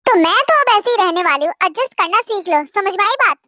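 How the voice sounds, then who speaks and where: A woman voicing a sulking, sharp-tongued young wife in a fan audio drama, snapping back at her husband. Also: very high voice, animated, quick pace, no room sound. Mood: sulky. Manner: sharp, scolding retorts.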